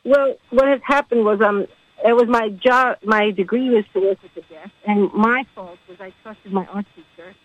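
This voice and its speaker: Female caller, hesitant and halting, heard through a crackly phone line that fades in and out, thin and dry. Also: mid-range voice, dry recording. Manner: hesitant, halting, full of ums. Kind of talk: call-in question to a radio show.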